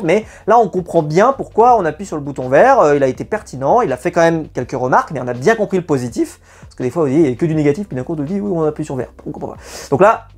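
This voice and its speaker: A woman's voice: low voice, a little mellow. A woman giving a casual, opinionated video review of a TV show, chatty and full of hesitations. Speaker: YouTube reality-TV reviewer.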